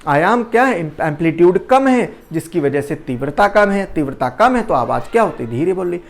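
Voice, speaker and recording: A man's voice: on the high side, animated, a little fast. A man lecturing a class, repeating key terms, asking rhetorical questions and often checking that students follow. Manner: shifts loudness and speed to demonstrate. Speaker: teacher.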